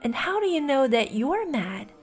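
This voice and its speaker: A woman's voice: sits high, sing-song, normal speed, faint music behind, pitched above the performer's own voice. A woman voicing a polite, timid young girl in a storybook reading, speaking in a raised, careful questioning voice.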